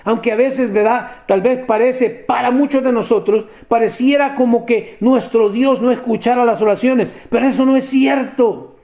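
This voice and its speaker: A man preaching a lively sermon, talking straight to his listeners and laughing often. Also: very high voice, moderate pace. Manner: animated, addresses listeners directly, laughs often.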